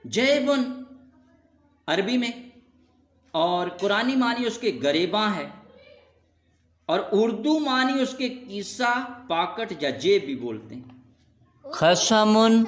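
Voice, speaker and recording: Guy teaching a language lesson, high animated voice, spells out word lists slow and careful, roomy echo. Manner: lists words slowly, stressing each one. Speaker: Quranic Arabic teacher. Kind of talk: scripted lesson narration.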